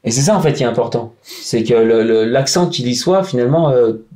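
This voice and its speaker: A man in a casual round-table chat about songwriting, talking with a dark, mellow tone at an ordinary middle pitch. He is emphatic and animated and keeps restarting his sentences with fillers. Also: fairly quick. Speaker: punk songwriter and musician.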